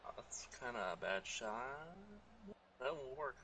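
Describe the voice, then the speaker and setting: A man chatting casually with a friend while they play a game together, relaxed and teasing. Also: mid-range voice, unhurried, noisy background. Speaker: gaming friend on voice chat. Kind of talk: casual gaming chat.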